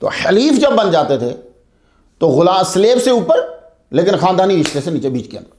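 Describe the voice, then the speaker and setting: Lecturing man with lively, roomy voice. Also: high-pitched, normal speed, a little hiss or hum. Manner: poses rhetorical questions, then answers them; repeats key terms to explain them. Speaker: religious teacher. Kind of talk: religious lecture to students.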